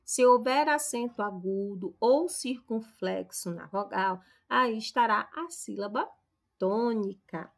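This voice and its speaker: A woman's voice: fairly high pitch, takes it slowly, vocal fry. A woman from Brazil, a teacher giving a recorded lesson, who explains step by step, stresses example words and keeps checking in with her students.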